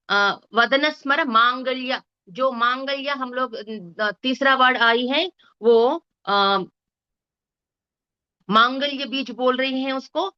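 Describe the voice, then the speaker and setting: A woman teaching a spiritual text in a slow, explanatory way, often hesitating and correcting herself. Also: high-pitched, sharp tone, clean tone, lo-fi sound.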